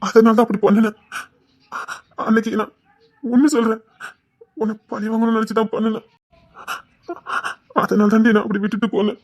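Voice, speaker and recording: A man with a Tirunelveli accent playing a remorseful young husband, pleading in a hushed, tearful voice. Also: high voice, flat delivery, fairly quick, pauses often. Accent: Tirunelveli Tamil. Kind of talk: web drama acting.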